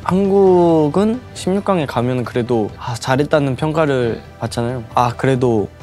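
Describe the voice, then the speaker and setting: A young man in his twenties, a guest in a casual interview, speaking calmly and thoughtfully. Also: medium pitch, normal speed, soft background music. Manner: calm, plain, reflective. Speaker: guest athlete.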